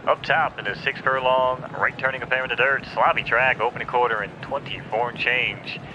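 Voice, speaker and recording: A man calling a virtual horse race live in a rapid, excited race-call delivery. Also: medium pitch. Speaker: race caller. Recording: dull lo-fi sound with clear background noise.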